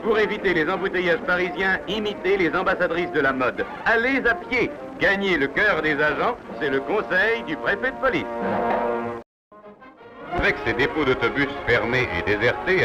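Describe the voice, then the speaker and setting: A man reading scripted 1950s newsreel narration in a formal, declamatory announcer's manner. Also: mid-range voice. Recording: dull 1950s film soundtrack. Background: loud background music.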